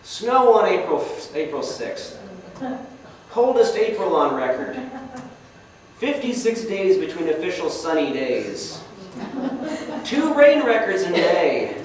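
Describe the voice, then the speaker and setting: A man's voice: high-pitched, very animated, takes it slowly, long pauses. A young man giving a casual slideshow talk to a club, self-deprecating and asking the audience questions. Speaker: guest speaker. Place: meeting hall. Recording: echoey hall, speaker far from the mic, faint noise.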